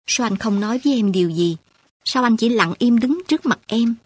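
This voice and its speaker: A woman voicing an emotional young woman in an audiobook, speaking in a pleading, heartfelt way with a breathy voice. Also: a little high, expressive, brisk, darkish tone, no echo. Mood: yearning.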